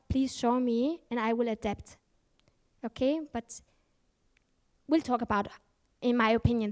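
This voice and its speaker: A woman giving a conference talk, candid and emphatic, swearing freely and often correcting herself mid-sentence. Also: on the high side. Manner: frequent self-corrections and fillers. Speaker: conference speaker. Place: conference stage.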